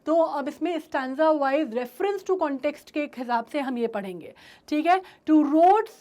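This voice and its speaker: A woman teacher with an Indian English accent leads a lesson on a poem, her voice sitting high. She mixes Hindi and English and keeps checking that students are following. She slows right down when reading lines aloud. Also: lively intonation, mellow. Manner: switches between Hindi and English, checks understanding often, reads lines slowly. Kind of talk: classroom-style lesson explaining a poem.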